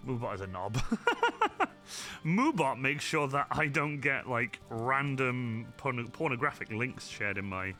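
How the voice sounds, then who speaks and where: Crafting live on stream, a man from Wales, a native Welsh speaker, cheerfully curses, chats and reads viewer messages out loud as a cosplay streamer. His bright, mid-range voice swings widely in pitch, and he speaks slowly. Soft music sits behind him.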